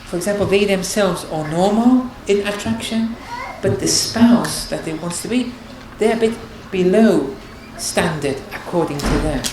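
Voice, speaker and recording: Her voice is lowish and a little slow, with few pauses, as she earnestly lectures on marriage from a religious perspective. She offers counsel and keeps restarting phrases, while the hall around her echoes heavily amid noise.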